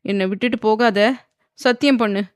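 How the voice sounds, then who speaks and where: A woman voicing a frail elderly mother who pleads haltingly and clings to her daughter-in-law. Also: medium pitch, no echo, studio quality, pitched above the performer's own voice, lightly acted. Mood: fearful pleading.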